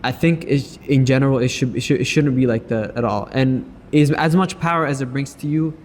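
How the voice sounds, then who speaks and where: A man with a medium-pitched, darkish voice hosts a casual chat, speaking a little fast. He asks his questions hesitantly, full of fillers, and the recording has roomy reverb with background hiss.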